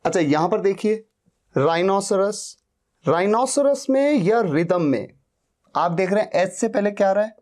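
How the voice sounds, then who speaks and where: A man's voice: high-pitched, expressive, unhurried, a little mellow. A man teaching an English pronunciation lesson, patiently spelling out words and repeating them. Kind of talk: slow spoken-English lesson.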